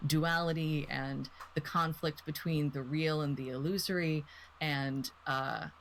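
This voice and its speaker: A woman in her thirties speaks in a notably low, deep voice. She talks as a guest in a relaxed podcast discussion, rambling and laughing often as she wanders off on tangents. A faint noise sits behind her voice. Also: a little slow. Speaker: guest reviewer. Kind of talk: casual podcast chat.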